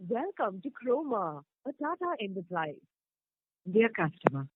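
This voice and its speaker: A woman's voice: mid-range voice, sing-song, a little slow, breathy edge, no echo. A woman's recorded phone message, a formal scripted greeting played to callers on hold. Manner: evenly paced formal announcing. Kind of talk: scripted announcement. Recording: tinny phone line.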